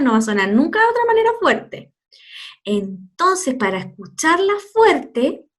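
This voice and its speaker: A woman teacher giving a recorded lesson to young children, stretching out sounds slowly and playfully. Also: a little high, a bit bright. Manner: slow, drawn-out pronunciation of sounds, playful.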